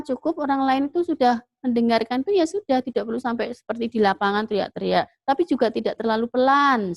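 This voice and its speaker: A woman's voice: fairly high pitch, dry recording. A middle-aged woman teacher talks her class through a lesson. She poses questions and answers them herself, patient and methodical. Her voice sits close to the mic in a dry room. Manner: patient, explains step by step, asks and answers her own questions.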